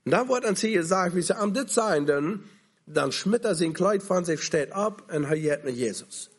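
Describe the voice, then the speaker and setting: Man, preacher, sermon, high voice, husky tone, earnest pleading. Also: animated, moderate pace. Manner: earnest, pleading calls to come to Jesus.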